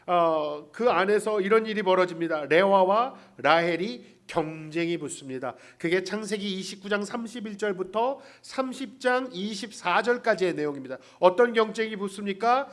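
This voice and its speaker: A man's voice: high-pitched, moderate pace, hardly any pauses, fairly bright tone. A man pastor preaching a sermon in a church, telling the story with humor, acting out the characters' lines and speaking directly to the congregation. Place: church sanctuary.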